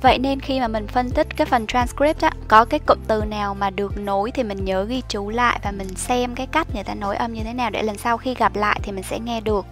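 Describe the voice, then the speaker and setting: Young female tutor, slightly high-pitched, casual explanatory delivery, faint music underneath. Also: fast, few pauses. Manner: chatty, explanatory, with soft fillers. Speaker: IELTS teacher. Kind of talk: study tips tutorial. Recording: soft music behind the voice.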